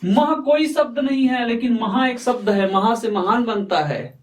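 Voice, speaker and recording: A man teaching a lesson, speaking slowly and repeating himself, often asking questions and answering them himself. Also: very high voice. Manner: slow, repetitive, quizzing himself aloud. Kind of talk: explaining a lesson at a board. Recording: echoey room, voice far from mic.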